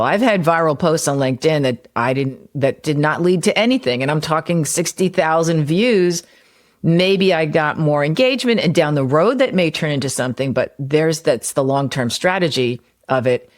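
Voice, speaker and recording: Her deep voice moves at normal speed as she hosts a solo podcast, explaining marketing in a conversational style with everyday examples. She is a copywriter and an ex-personal trainer.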